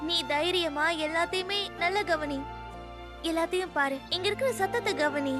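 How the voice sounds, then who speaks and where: A woman's voice: extremely high pitch, normal speed. A woman voicing a carefree, adventurous schoolgirl in a Tamil anime dub, bubbly and encouraging, over background music. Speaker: new classmate.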